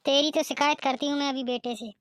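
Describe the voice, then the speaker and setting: Lady doing a naggy cartoon mother-in-law, high voice, kinda flat, dry sound. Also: fast, dry recording, lightly acted. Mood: indignant. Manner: nagging, scolding. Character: scolding strict Indian mother-in-law, middle-aged. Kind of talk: cartoon voice acting.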